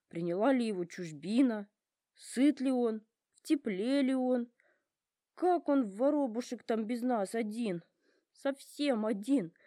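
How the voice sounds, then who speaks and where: A woman's voice: mid-range voice, warm tone, no room sound, studio quality, natural voice. A woman voicing a well-mannered young male elephant in a storybook, polite, earnest and heartfelt.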